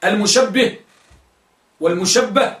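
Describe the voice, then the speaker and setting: A man's voice: high-pitched, measured pace, a bit bright. A male teacher giving a classroom lesson, questioning students and drilling their answers. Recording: echoey room, mic at a distance.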